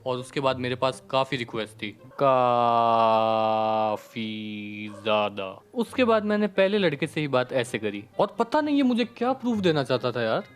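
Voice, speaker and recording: Young guy, joking vlog, reads chats in a fake innocent voice, mid pitch, faint music behind. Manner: joking, reads chat messages aloud in a mock-innocent voice. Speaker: YouTuber. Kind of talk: casual comedic vlog narration.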